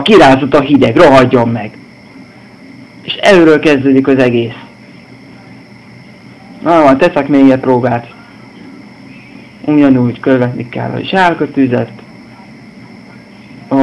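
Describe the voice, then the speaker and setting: Young guy, bit hoarse, swearing and yelping thru a horror game, faint game noise behind. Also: mid-range voice, a little mellow, rough recording. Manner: swearing, jumpy outbursts. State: slightly hoarse. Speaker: gameplay video host.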